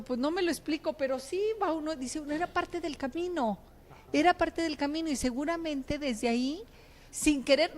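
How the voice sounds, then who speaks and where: Chatty Mexican woman host. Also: high voice. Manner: lively, chatty, affirming. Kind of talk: casual interview conversation.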